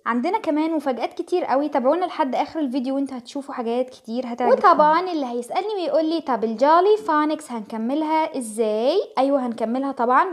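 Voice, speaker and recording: A woman with an Egyptian Arabic accent teaching English pronunciation to children, repeating each word slowly and clearly. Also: high voice.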